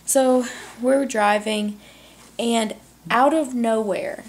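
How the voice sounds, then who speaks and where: Young woman, vlogger, casual storytelling, animated, chatty, home camcorder recording. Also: a little high, slow. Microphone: camcorder on tripod.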